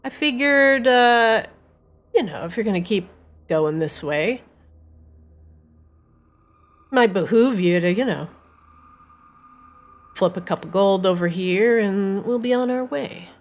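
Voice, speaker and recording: Woman playing a shady, wheedling highwayman, swooping pitch. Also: animated. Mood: falsely casual, pushy. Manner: hesitant, drawn-out, folksy wheedling. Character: shady male highwayman, wheedling, falsely casual shakedown artist. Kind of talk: tabletop game role-play.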